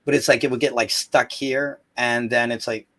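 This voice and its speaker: A man talking as a guest in a casual interview, halting and searching for his words. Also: medium pitch, fairly even intonation, pushed and bright.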